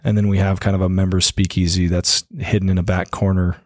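A man's voice: low voice, little pitch movement, fast talker, dry recording, clean studio sound. A young man as a guest on a casual interview show, easygoing and laid-back, with many uhs. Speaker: guest, business co-owner.

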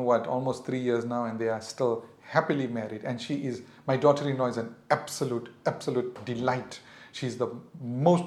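Speaking in a mid-range, slightly mellow voice, a middle-aged South African man hosts a podcast where he gives parents earnest advice. His monologue is reflective, and the sound carries noticeable reverb.

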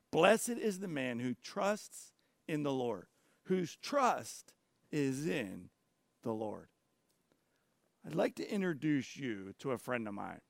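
A man's voice: medium pitch, creaky, no echo. Man preaching in a dry room. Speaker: pastor. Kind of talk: sermon and interview.

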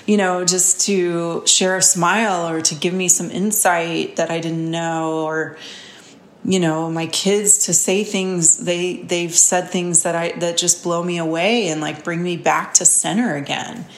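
A woman giving an unscripted, heartfelt motivational talk, haltingly fumbling for words with false starts and searching pauses. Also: fairly low pitch, fairly even intonation. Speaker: speaker giving a motivational message to followers. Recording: roomy, echoing sound.

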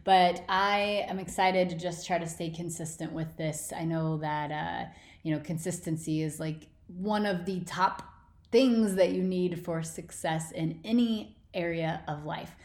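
Slightly low-voiced female podcaster, echoey room. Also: steady tone, unhurried. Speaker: podcast host. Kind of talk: casual motivational monologue. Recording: roomy, echoing indoor sound.

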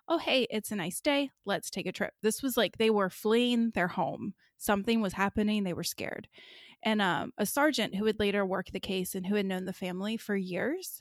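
A woman hosting a podcast recounts a strange story in relaxed, chatty speech. Her voice sits at a middle pitch and the recording is dry and close. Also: no echo. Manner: chatty, laughing, enunciates carefully. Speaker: podcast co-host. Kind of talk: casual storytelling chat.

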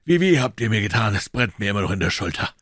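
A man's voice: fairly low pitch, sing-song, quick pace, a bit bright, husky, no room sound, studio quality, heavily acted. A man reading aloud, voicing a gracious, noble male musketeer with a dignified manner.

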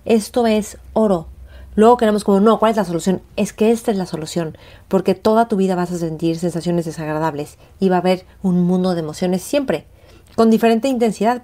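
A woman, hosting a motivational talk and acting out the inner voices she describes. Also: mid-range voice. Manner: expressive, acts out inner voices. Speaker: host.

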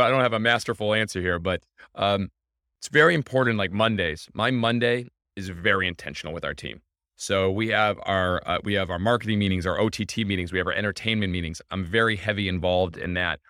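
Fast, bright-voiced enthusiastic man. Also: fairly low pitch, dry recording, clean studio sound. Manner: enthusiastic, emphatic storyteller. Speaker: guest, baseball team owner. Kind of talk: energetic interview talk.

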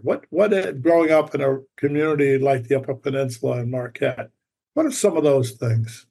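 A man with a raspy voice hosting a podcast interview in a halting, conversational way, often repeating his words. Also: a little high, mellow. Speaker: podcast host.

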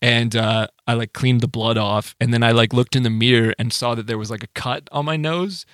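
A man's voice: mid-range voice, steady tone, brisk, a bit bright, clear, resonant tone, no echo. Man telling rambling stories, dry sound. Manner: rambling storytelling with profanity and filler. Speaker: podcast co-host; band musician. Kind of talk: casual chat.

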